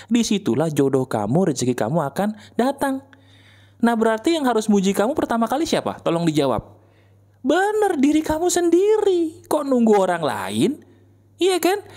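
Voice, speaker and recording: A man's voice: on the high side, darkish tone. A man giving a conversational motivational talk, coaxing listeners with rhetorical questions and step-by-step instructions. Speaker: motivational speaker.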